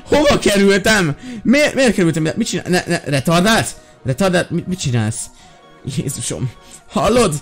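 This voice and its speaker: A young man role-playing a fed-up teacher in a game, yelling, pleading and exclaiming in exasperation. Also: fairly high pitch, very animated, faint music behind. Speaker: gaming YouTuber playing a teacher. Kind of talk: Minecraft role-play commentary.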